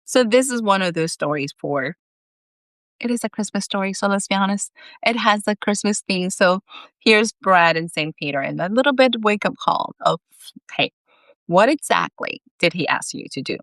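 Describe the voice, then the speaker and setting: Expressive woman reading her own story aloud. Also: mid-range voice, normal speed, no echo. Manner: chatty asides, emotional and candid.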